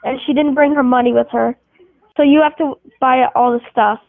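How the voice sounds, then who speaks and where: High-voiced woman on a tinny line. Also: fairly even intonation, moderate pace, creaky, dry recording. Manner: rambling, many restarts, giggly. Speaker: game host posing scenarios. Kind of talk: casual chat. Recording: tinny phone-like dry sound.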